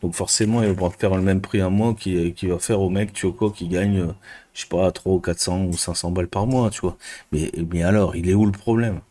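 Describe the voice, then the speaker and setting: A man's voice: low voice, fairly even intonation, fairly quick, warm tone. A man ranting casually to camera as a vlogger, crude and exasperated, with constant fillers. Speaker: YouTuber and business coach.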